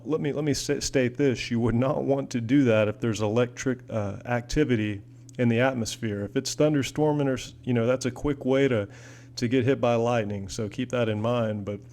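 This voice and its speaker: An American man from the United States rambles through casual product chat as a hobbyist vlogger. His mid-range voice is a little mellow, and his manner is folksy and enthusiastic.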